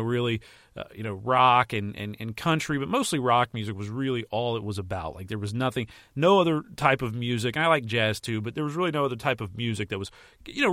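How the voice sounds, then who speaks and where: A man's voice: mid-range voice, a bit bright, dry recording, studio quality. Under-the-weather man hosting a casual podcast. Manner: informal, rambling, mildly profane. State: recovering from a virus, slightly under the weather. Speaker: podcast host and movie and TV editor. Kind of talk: casual solo podcast talk.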